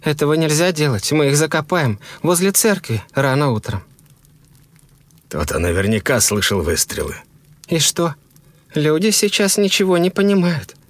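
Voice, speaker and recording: A man voicing a frightened but insistent young wife, raising his voice well above his own low register and pleading in tense, breathless bursts. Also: very animated, moderate pace, no room sound.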